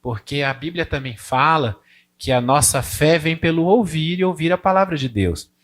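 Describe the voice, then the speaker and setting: A man's voice: a little high, normal speed, a bit bright. A man, a pastor giving a conversational sermon who tells stories and acts out prayers. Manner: informal, storytelling, acts out prayers and dialogue with God.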